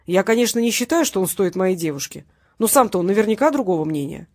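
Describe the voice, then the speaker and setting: A woman's voice: medium pitch, lively intonation, quick pace, darkish tone, no room sound, studio quality, close to an everyday voice. A woman narrator voicing a cocky hitman in a crime audiobook. He taunts his enemies in a light, good-natured tone, and every word carries a threat. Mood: taunting. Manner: genial tone over threats. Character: cocky male hitman, mocking and menacing.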